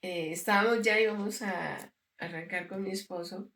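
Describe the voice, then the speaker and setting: An older woman telling her story in an interview, lively and often acting out what others said. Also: medium pitch, moderate pace. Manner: lively storyteller who acts out quoted dialogue and laughs often. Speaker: interviewee sharing a personal testimony. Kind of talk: conversational storytelling. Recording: roomy sound from a distant mic.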